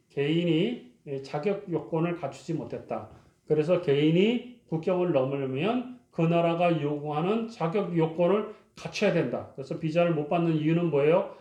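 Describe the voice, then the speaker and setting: A man's voice: fairly high pitch, warm tone. Korean man lecturing in an echoey room. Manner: explains with rhetorical questions and many fillers. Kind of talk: recorded university lecture.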